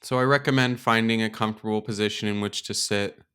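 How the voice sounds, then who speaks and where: This guided meditation, slow and instructional, comes from a meditation teacher who also hosts a podcast. He speaks in a smooth, low voice, calm and gentle, taking his time and pausing often.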